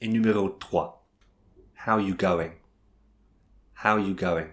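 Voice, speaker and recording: A man with a very low voice teaches an informal English lesson in careful French, his English accent plain under it. He talks slowly and hesitantly, with many fillers and restarts. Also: a bit bright. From England. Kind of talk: video language lesson.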